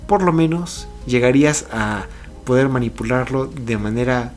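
A man voicing a calm, motherly aunt who talks in a soothing, reassuring way. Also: mid-range voice, moderate pace, faint music behind, close to an everyday voice.

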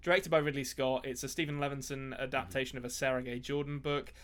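A man's voice: medium pitch, flat delivery, quick pace, a bit bright. A man co-hosting a podcast, chatting casually about movies in a rambling way with lots of fillers and dry jokes. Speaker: podcast co-host.

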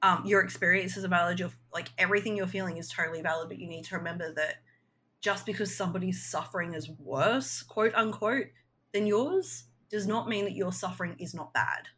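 Chatty woman, bright voice. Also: lowish voice, steady tone, a little fast, a little hiss or hum. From Australia. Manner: chatty, filler-heavy, frank. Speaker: podcast co-host. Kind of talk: casual chat.

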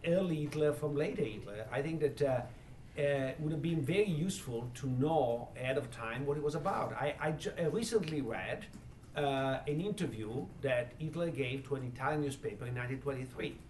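Halting foreign-accented man, echoey and distant. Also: mid-range voice, darkish tone. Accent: strong foreign accent. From immigrant, from abroad. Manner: halting, searching for words. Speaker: university professor, event host. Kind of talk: panel discussion, answering audience questions. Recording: echoey room, distant mic, faint noise.

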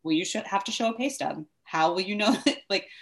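A woman's voice: mid-range voice, animated, fast talker, creaky. A woman co-hosting a casual civic discussion, chatty and thinking aloud with lots of restarts and light laughs. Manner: laughs lightly while talking. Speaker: vice mayor, co-host.

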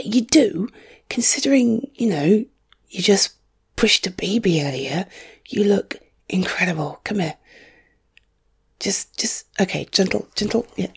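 Breathy, whispering woman, slow and gravelly. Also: medium pitch. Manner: soft, hushed whispering, gentle and reassuring. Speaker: ASMR creator. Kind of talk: ASMR roleplay as a visiting friend.

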